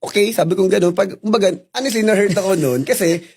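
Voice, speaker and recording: A middle-aged Filipino-accented man candidly telling stories in an interview, animated and laughing as he acts out the dialogue. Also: sits high, fast, husky. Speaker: interview guest.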